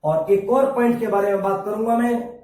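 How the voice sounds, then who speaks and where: A male teacher giving a slow classroom lesson, repeating key terms and asking and answering his own questions. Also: high voice, steady tone, darkish tone. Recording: very echoey room, voice from far off.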